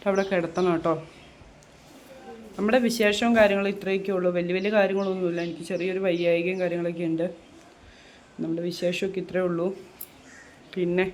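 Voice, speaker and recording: A woman's voice: medium pitch, darkish tone. A woman in her thirties chatting to her viewers in a casual home vlog, with friendly asides aimed at the audience. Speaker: vlogger and mother. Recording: echoey room with faint hum.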